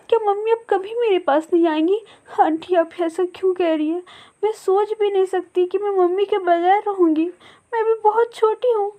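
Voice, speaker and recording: A woman's voice: high-pitched, darkish tone. A woman voicing a young orphaned bird girl, sweet and innocent, with a childlike pleading voice, in a storybook.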